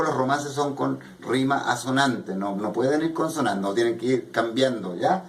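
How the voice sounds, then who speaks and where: A man teaching a poetry workshop in a classroom, explaining patiently and often checking that students follow. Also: medium pitch. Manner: patient, keeps checking understanding with "¿ya?". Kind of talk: classroom lecture. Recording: echoey room from a distant mic.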